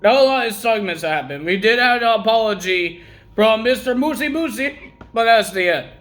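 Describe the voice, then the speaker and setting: A man's voice: high voice, expressive, normal speed, a bit bright. A man recapping wrestling results in a casual vlog, rambling and correcting himself while he has the hiccups.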